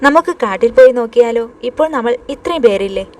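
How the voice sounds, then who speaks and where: A woman's voice: fairly high pitch, lively intonation, a little fast, a little mellow, lightly acted. Woman voicing a caring young woman. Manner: affectionate, soothing.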